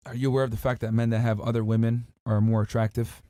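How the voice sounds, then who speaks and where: Podcast host, man, rapid-fire blunt questioner, dry close sound. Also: mid-range voice, flat delivery, warm tone, dry recording. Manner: blunt, quizzing guests with repeated questions. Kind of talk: confrontational debate on dating. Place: podcast studio.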